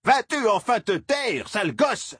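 A man voicing a cranky, indignant old male roofer who scolds and shouts, in an audiobook. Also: a little high, very animated, moderate pace, slightly rough, no room sound, clean studio sound, pitched above the performer's own voice. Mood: furious. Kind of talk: audiobook character voice.

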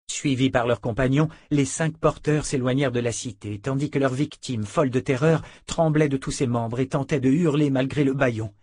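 A male narrator reads a dark novel aloud at a steady, measured pace. His mid-pitched voice has a husky grain. The sound is dry and close. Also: no room sound. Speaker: audiobook narrator. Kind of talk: scripted narration.

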